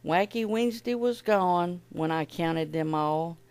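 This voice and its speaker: A woman reading a children's picture book aloud at an elementary school, with an expressive, animated delivery. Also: on the low side, measured pace, clean tone.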